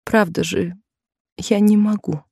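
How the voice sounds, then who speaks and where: A woman's voice: medium pitch, fairly even intonation, slow pace, gravelly, darkish tone, husky, no echo, clean studio sound, exaggerated voice. A woman voicing a timid young working-class maid who pleads and refuses in a raised, tearful voice. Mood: pleading.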